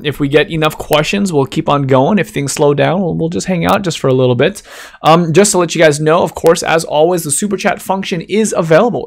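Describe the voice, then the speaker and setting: A man's voice: on the high side, gravelly. A man hosting a casual live-stream Q&A from a room at home, talking upbeat and straight to his viewers in the chat. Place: room at home with wall shelving.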